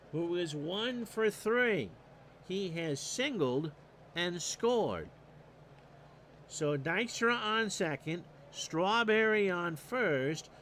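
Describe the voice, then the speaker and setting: A play-by-play announcer calls a replayed baseball game solo in a live stream, with a high voice and an easy, unhurried pace. He's stat-heavy with dry little asides, growing loud and excited on big plays when the ball is in play. Faint street noise hums in the background.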